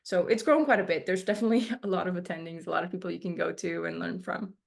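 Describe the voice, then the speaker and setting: A fast-talking, creaky-voiced woman in her twenties from Argentina speaks at a fairly low pitch. She is a dermatology resident appearing as an interview guest, chatting casually and using lots of fillers.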